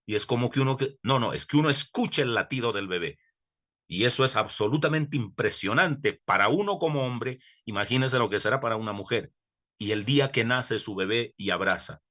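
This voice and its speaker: Bright-voiced man giving an earnest theology lecture. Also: mid-range voice, expressive. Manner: earnest, emphatic, slows down to stress key words, with self-corrections. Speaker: theology professor. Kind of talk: recorded online lecture.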